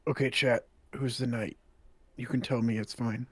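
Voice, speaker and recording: A man's voice: medium pitch, little pitch movement, moderate pace, a bit bright, husky, no room sound. Dry-humored young male co-streamer. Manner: dry, joking. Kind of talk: casual gaming chat.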